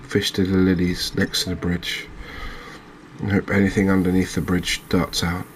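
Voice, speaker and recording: In a relaxed ASMR manner, a gaming video creator quietly narrates gameplay at a moderate pace. His deep voice holds very steady, and he sounds hesitant, musing, and understated, with faint ambient noise behind him.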